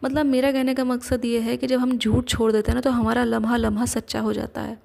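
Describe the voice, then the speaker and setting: Earnest woman, gravelly and flat. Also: on the high side, brisk. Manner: earnest, personal testimony. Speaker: religious speaker. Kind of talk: reflective religious talk.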